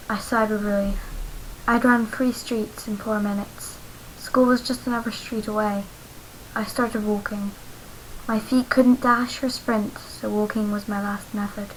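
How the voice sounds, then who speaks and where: Woman reading fanfiction in a flat voice. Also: mid-range voice, a little hiss or hum, poor audio. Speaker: fanfiction reader. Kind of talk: amateur story reading.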